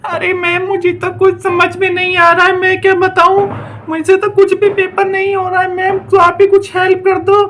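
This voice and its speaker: A woman's voice: very high voice, monotone, moderate pace, fairly bright tone, a little hiss or hum. A woman voicing an anxious young schoolgirl who frets and pleads over a hard exam in a doll story. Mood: pleading. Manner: anxious, pleading, praying aloud. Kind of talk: doll story role-play.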